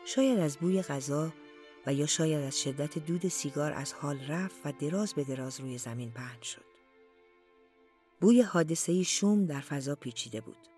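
Audiobook narrator, slow deliberate storytelling, medium pitch, faint music bed. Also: a little mellow. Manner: slow, deliberate storytelling, dropping to near-whispers. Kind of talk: scripted literary narration.

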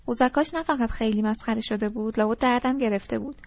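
A woman's voice: a little high, a little mellow, dry recording. A woman reading a novel aloud in first person with a conversational storytelling manner. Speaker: audiobook reader. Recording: dull lo-fi recording.

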